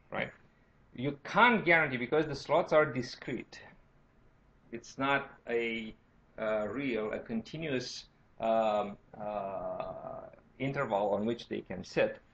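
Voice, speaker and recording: With a fairly bright, medium-pitched voice and a Romanian accent, a university teacher from Romania gives an informal lecture. He keeps checking in with listeners using "right?" and "okay?", captured in a dull, lo-fi lecture recording.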